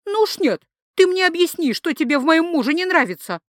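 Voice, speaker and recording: A woman's voice: very high-pitched, expressive, a little fast, no room sound, clean studio sound, voice pushed up. A woman reading an audiobook, voicing a pushy, quarrelsome young wife in a raised, insistent voice.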